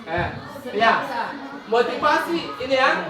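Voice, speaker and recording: A woman's voice: high-pitched, big pitch swings, takes it slowly. Woman principal leading a training session; explanatory, acts out examples; distant mic with crowd noise. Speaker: school principal and facilitator. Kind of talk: webinar module presentation. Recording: echoey room, mic far off, crowd noise.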